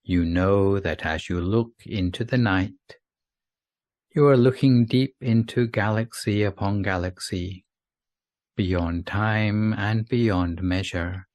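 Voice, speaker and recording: Guiding a sleep meditation, a fairly low-voiced man talks in a very slow, gentle way, leaving long gaps between calming phrases. The audio is close and dry with very little room, and there's no echo.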